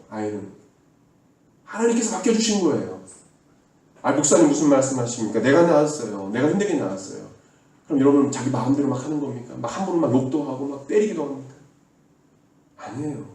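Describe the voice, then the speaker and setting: A man preaches a sermon in a warm, mellow voice, urging his listeners earnestly and having them repeat his words. He sounds far from the mic. The church hall around him echoes heavily. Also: mid-range voice. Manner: earnest exhortation, leads the congregation in call-and-response. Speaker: pastor. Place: church sanctuary.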